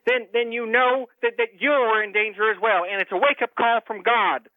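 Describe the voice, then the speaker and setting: A male caller rants in a stammering, zealous way on a call-in radio show, his voice high and strained. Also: fairly even intonation, moderate pace, no room sound. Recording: tinny phone line.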